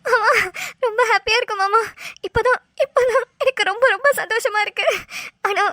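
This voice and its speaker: A woman's voice: very high-pitched, fairly even intonation, fairly quick, sharp tone, dry recording, studio quality. A woman voicing an affectionate young wife in a cartoon, talking in a gushing, loving way. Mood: overjoyed. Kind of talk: cartoon voice acting.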